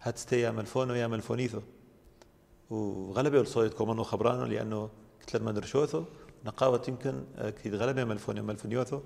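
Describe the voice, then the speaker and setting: A man's voice: mid-range voice, steady tone, racing, vocal fry, a little mellow, long reverb tail. A man, a priest, explaining religious teaching at length on a TV program. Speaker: priest guest.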